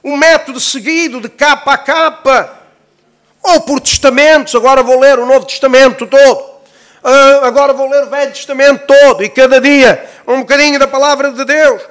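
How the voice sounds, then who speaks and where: A Portuguese-accented male pastor teaches a Bible-school session in a strikingly high voice. He speaks with sermon-like emphasis, swells at times toward shouting, and draws call-and-response "amens" from the room. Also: fairly even intonation, normal speed. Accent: European Portuguese. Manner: emphatic, rising to near-shouts, calls for "amen".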